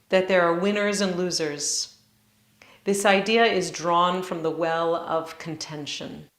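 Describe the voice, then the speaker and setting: A woman leads a yoga class in a calm, reflective way, her voice sitting a little low. Her audio crackles and drops in and out from a faulty microphone connection. The sound rings with a roomy echo. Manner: measured, reflective teaching tone. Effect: audio cutting in and out, crackly faulty mic connection. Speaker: yoga teacher and cantor. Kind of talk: guided yoga class teaching. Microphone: microphone on a live online stream. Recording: roomy echo, glitchy dropping mic.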